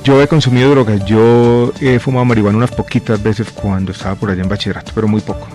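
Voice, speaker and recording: Low-voiced man, measured and hesitant. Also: steady tone, darkish tone, faint music behind. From born in Chile, raised in Colombia. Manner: measured, reflective, hesitant with many fillers. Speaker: guest, health minister. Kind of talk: radio interview answers.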